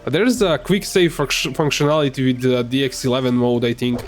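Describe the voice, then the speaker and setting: Over music, a Serbian-native gamer offers loose, faltering remarks as he plays, often restarting and leaning on fillers. His voice sits at a medium pitch and stays steady in tone.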